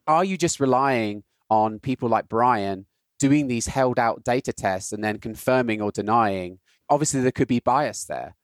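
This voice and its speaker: A British man with a medium-pitched voice appears as a guest on a casual podcast, where he works as a health data scientist. He explains things conversationally and tags his points with "right?" The recording is dead dry, with no room sound.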